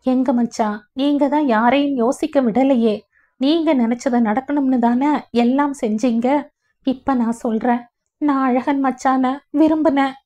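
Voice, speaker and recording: A woman voicing a wounded, defiant young village woman who speaks in sharp, accusing tones in a storybook reading. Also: on the high side, fairly even intonation, measured pace, voice pushed up, close to an everyday voice. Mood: bitter accusing. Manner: sharp, accusing, rising in anger. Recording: dull lo-fi audio.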